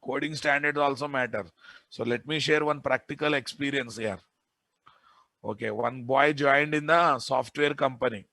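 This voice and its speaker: Gravelly-voiced man with a Telugu Indian accent. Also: medium pitch, steady tone, moderate pace, pushed and bright, no echo. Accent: Telugu Indian English. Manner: informal, repeats phrases, checks in with listeners. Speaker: software programming instructor. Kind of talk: live classroom lecture with storytelling and dictation.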